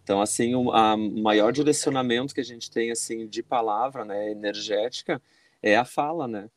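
A man's voice: fairly low pitch, moderate pace, no room sound. A man, explaining energy and vibration in a casual podcast chat, full of fillers and restarts. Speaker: podcast guest.

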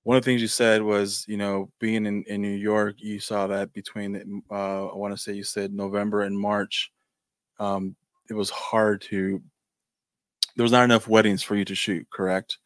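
A man hosting a podcast, from Mexico, talking in a halting, casual way with many restarts. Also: on the low side, flat delivery, no echo, studio quality. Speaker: podcast host. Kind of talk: casual interview talk.

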